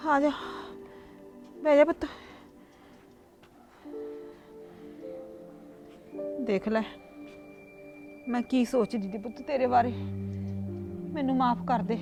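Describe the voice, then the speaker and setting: An actress playing a nagging stepmother in a village comedy sketch, shrill and complaining. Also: a little mellow. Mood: remorseful. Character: nagging middle-aged stepmother who later repents. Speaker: actress in a short comedy film.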